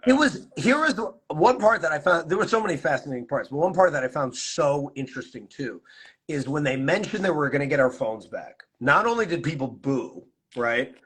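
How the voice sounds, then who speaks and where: A man hosting a casual conversation as a play designer, who is hoarse from losing his voice and talks with enthusiasm, musing in what-if questions. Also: fairly high pitch, expressive, a little fast, a bit bright.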